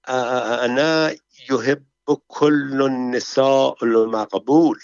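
A man plays a drunk, boastful courtier who slurs his way through broken Arabic at a slow drawl. The voice sits a little above the reader's own. The recording is dull and dry. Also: mid-range voice, fairly even intonation, clear, resonant tone, dry recording, natural voice. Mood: confiding.

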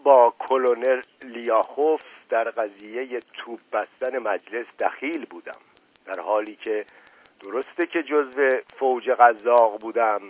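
A man's voice: mid-range voice, breathy edge, close to an everyday voice. Dayi Jan Napoleon, a pompous old boaster, read by a man. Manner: boastful, indignant storytelling. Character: pompous old man, proud former Cossack officer. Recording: dry, tinny lo-fi radio recording.

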